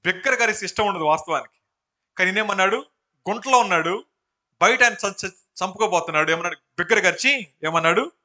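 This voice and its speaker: A male pastor preaching a sermon, rising to loud bursts and putting questions to the congregation. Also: high voice, fairly quick.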